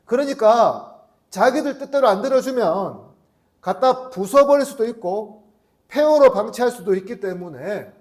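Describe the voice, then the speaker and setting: A man with a notably high voice preaches a Sunday sermon. He keeps turning to the congregation with rhetorical questions. Now and then he acts out a short prayer or exchange without leaving his own voice. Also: darkish tone. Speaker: pastor.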